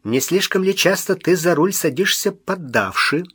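A man's voice: sits high, lively intonation, normal speed, a bit bright, slightly rough, dry recording, studio quality, voice pushed up, full character voice. A man voicing a stern, ironic navy admiral who speaks in a commanding voice with a metallic edge. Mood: serious. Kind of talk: audiobook character voice.

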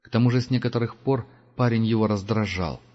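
A man narrating an audiobook in a measured, steady storytelling manner. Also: lowish voice. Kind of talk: scripted narration. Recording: dull lo-fi audiobook recording.

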